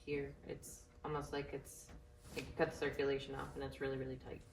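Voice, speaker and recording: Very low-pitched, flat-toned woman, off-mic. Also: fairly quick. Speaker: massage client and demonstration model. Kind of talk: casual replies. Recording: echoey room, distant microphone.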